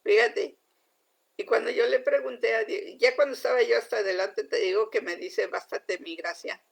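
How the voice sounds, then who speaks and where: A woman's voice: on the high side, normal speed, creaky. A woman preaching an informal sermon, telling her own testimony earnestly and emotionally, often checking in with listeners.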